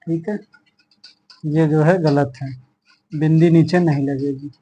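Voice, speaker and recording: Slow, higher-voiced male Hindi teacher. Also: steady tone, mellow, a little hiss or hum, poor audio. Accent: Hindi, Uttar Pradesh. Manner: slow, explaining words one by one with repeated "theek hai". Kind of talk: exam-prep lesson.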